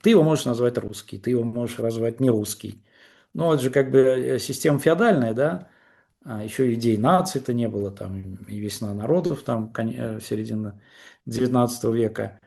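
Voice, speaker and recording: As a guest in a political discussion, a man argues his point haltingly, full of fillers and restarts. His mid-range voice is gravelly with a warm tone.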